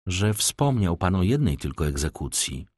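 A puzzled young gentleman asking quiet, low questions, voiced by a male reader. The voice is husky and dry, close to the mic. It is an audiobook scene. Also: big pitch swings, normal speed, no room sound, full character voice.

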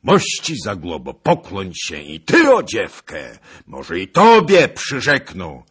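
A man voicing a menacing Cossack chieftain, husky and commanding. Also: lowish voice, big pitch swings, slow pace, pitched above the performer's own voice, exaggerated voice. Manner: threatening, commanding, loud. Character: fierce male Cossack chieftain, menacing and proud.

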